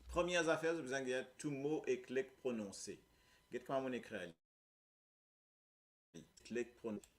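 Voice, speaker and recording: A man's voice: mid-range voice, measured pace. A man with a Mauritian accent teaching a Creole lesson, explaining patiently and often checking that his listeners follow. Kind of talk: live language lesson.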